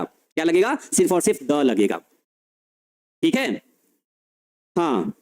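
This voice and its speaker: Male teacher, high voice, repeats points, quizzes the class, lecture delivery. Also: darkish tone. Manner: repetitive, questioning, addresses students as children.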